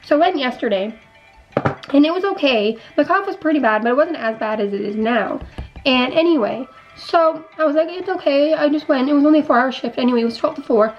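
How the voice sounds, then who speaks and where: A high-pitched, animated young woman speaks fairly quickly in a casual makeup vlog, rambling through a life update and restarting her thoughts. Her slightly congested, nasal voice and sore throat make her sound sick. The highs are cut off in the recording, with faint music in the background.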